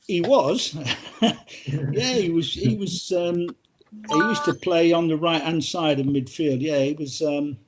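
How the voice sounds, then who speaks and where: A man's voice: fairly high pitch, a little slow, background noise. Chatty older man telling football stories. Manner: chatty, anecdotal, laughs often. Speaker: guest, former footballer. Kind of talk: casual phone-in chat.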